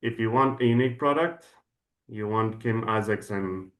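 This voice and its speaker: A man's voice: fairly low pitch, moderate pace. A man acting as host, introducing a guest speaker in an informal workshop setting. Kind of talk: introduction, partly read, then halting informal welcome.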